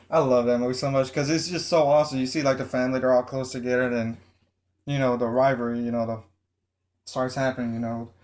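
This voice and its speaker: A man talks loosely in a casual chat, rambling with plenty of fillers. His voice sits at an ordinary middle pitch. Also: little pitch movement, brisk, a little mellow. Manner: rambling, many fillers, laughs often. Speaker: co-host. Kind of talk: casual chat about movies.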